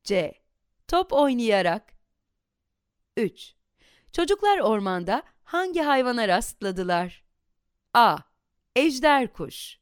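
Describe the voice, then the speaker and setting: A woman reading a children's story aloud in an expressive, animated storytelling manner. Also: fairly high pitch, takes it slowly, pauses often, clean tone, dry recording, studio quality.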